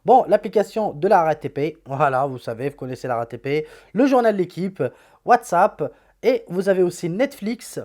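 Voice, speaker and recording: A man's voice: high-pitched, expressive, moderate pace, a little mellow. A tech YouTuber walking through the apps on his phone in a chatty, blunt, slangy way, often repeating words. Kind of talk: casual phone app walkthrough.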